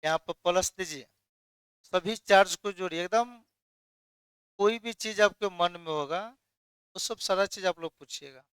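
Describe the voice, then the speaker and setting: A man's voice: high-pitched, a little slow, pauses often, a bit bright, clean tone, no echo. A man teaching chemistry in a classroom lecture, firing questions at students and then answering them himself.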